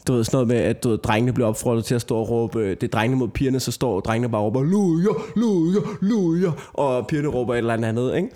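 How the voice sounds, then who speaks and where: A man's voice: mid-range voice, hardly any pauses. A man co-hosting a casual podcast chat, rambling through stories with constant tag questions and frequent laughter. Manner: rambling storyteller, lots of "ikke?" tags; laughs often, gets loud and excited. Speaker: podcast co-host.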